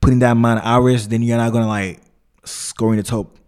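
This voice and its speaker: A man's voice: medium pitch, steady tone, a little fast, darkish tone, clear, resonant tone. A young man chatting casually in a slangy frat-bro manner, rambling and repeating himself. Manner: frat-bro slangy talk, constantly saying "bro"; rambling, repetitive, loose phrasing. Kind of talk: casual conversation.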